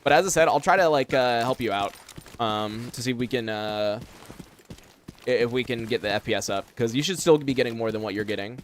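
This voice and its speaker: With a little hiss or hum in the audio, a medium-pitched young man speaks fairly quickly. He streams a game from a room at home, chatting casually, rambling with lots of fillers and responding to chat as he plays.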